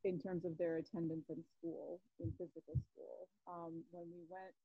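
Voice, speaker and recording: A woman's voice: on the low side, flat delivery, moderate pace, slightly rough, no echo, phone-quality sound. A woman teacher speaking over a video call while her audio cuts out and drops away, rambling with fillers and restarts. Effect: audio cutting out and dropping away over a video call. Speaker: high school ESOL teacher. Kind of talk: casual discussion on a video call.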